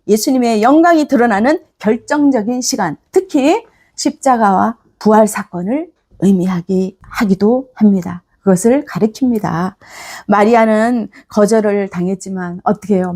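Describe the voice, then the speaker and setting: A woman's voice: on the high side, a little mellow. A middle-aged woman pastor preaching a storytelling sermon, acting out the voices of figures and asking the congregation questions she answers herself.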